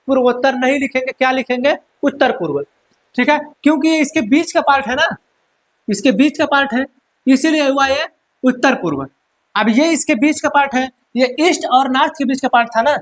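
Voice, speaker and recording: A man teaching a lesson, repeating each point and quizzing listeners, with an Eastern Hindi accent. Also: very high-pitched. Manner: repetitive, quizzes listeners with "क्या कहेंगे?" and "ठीक है". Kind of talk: classroom lesson.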